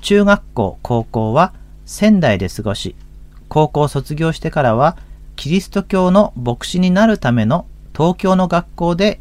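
A man's voice: fairly high pitch, a little mellow, no echo. A man in his fifties with a Tohoku accent, a pastor hosting a religious radio talk in a folksy, chatty way. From Akita, Japan. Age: 50s.

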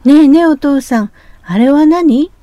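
A woman's voice: fairly high pitch, expressive, measured pace, mellow, no room sound, highs cut off. A woman voicing a cheerful, curious young boy dragonfly in a storybook reading, with a childlike, eager manner.

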